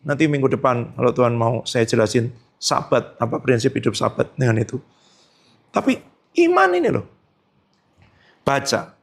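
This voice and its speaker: A male pastor preaching a sermon at a church service, lively and colloquial, often jumping high in pitch and acting out quotes. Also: vocal fry, slightly rough. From Indonesia. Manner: colloquial, frequent tag phrases.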